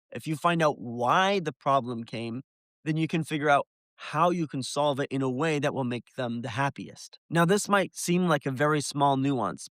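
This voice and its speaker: A slightly high, fairly bright male voice comes through clean studio audio with no room sound. The speaker, a window cleaner, narrates an instructional business video, explaining steps and talking to viewers directly.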